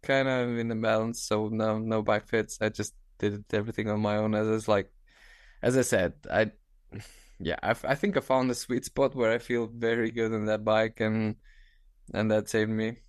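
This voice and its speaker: Man, thirties, Lithuanian accent, halting restarts, smooth voice, dry close sound. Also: on the low side, fairly even intonation, no echo. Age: 30s. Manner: halting, restarts often, laughs easily. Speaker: guest, ultra-distance cyclist. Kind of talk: casual interview on video call. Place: small room at home, indoors.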